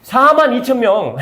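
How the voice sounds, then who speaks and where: In a church, an older male pastor from South Korea's Gyeongsang region delivers a Bible study sermon in his Gyeongsang accent. His voice is high for a man, pushed and bright, with wide pitch swings. He repeatedly prods listeners with quick rhetorical check-ins.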